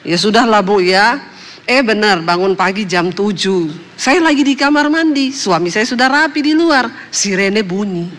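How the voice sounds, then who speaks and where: A woman's voice: mid-range voice, moderate pace, in a large hall, slight background noise. A woman pastor from Indonesia preaching a sermon, telling a humorous testimony and acting out the voices of the people in it. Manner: animated storyteller, acts out voices, laughs at own jokes.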